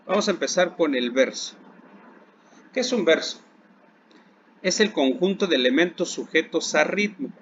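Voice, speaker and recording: A man with a Mexican accent teaching a recorded Spanish lesson to secondary school students. He speaks slowly and deliberately, asking a question and then answering it himself. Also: a little high, expressive, a bit bright. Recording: dull lo-fi recording with faint background hiss.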